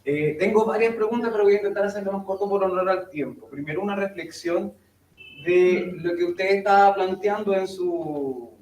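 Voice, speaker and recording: A man's voice: high-pitched, moderate pace, darkish tone. A man with a Chilean accent, a teacher, asking a polite question to a lecturer with hesitant fillers. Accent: Chilean Spanish. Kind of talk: audience question. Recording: echoey room, speaker far from mic, faint noise.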